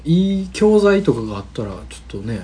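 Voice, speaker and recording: A man's voice: on the high side, big pitch swings, brisk, warm tone, a little hiss or hum. A man with a Kansai accent chatting casually as a podcast co-host, teasing his partner and laughing often. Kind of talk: casual chat.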